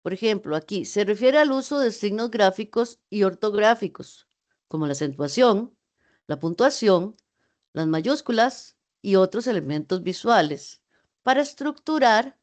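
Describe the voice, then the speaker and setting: A woman's voice: medium pitch, a little mellow. A woman tutor giving a university class over a video call, explaining writing with frequent rhetorical questions to her students. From Costa Rica. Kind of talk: online class lecture.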